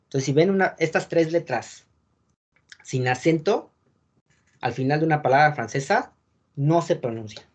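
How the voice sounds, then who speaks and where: A man teaching an online wine course over a video call, explaining patiently and often checking in with quick tag questions. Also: a little high. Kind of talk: online class lecture.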